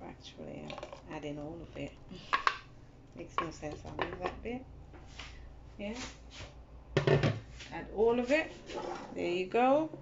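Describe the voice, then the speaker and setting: Slow and fairly low-pitched, with vocal fry and frequent pauses, this cooking channel host chats through a casual tutorial at the gas stove of her home kitchen, repeating her steps for the "guys" watching. The sound is dull lo-fi phone audio with background noise.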